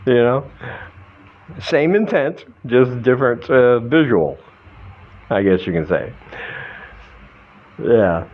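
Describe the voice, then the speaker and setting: A middle-aged American man from Michigan, slightly drunk, rambles through a halting, self-deprecating comic monologue for his vlog. His mid-range voice is expressive, and the sound has phone-like quality.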